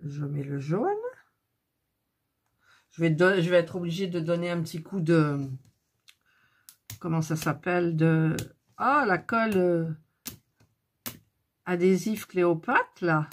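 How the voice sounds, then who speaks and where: A middle-aged woman hosts a casual hands-on craft video, filmed up close on a phone, grumbling and muttering to herself as she works. Her voice is on the low side, and she takes her time, pausing often.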